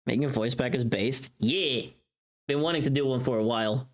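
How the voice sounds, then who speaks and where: Speaking briskly in a bass voice, a woman streams live while recording, chatting openly with her audience. She curses casually and keeps reading and replying to messages in chat.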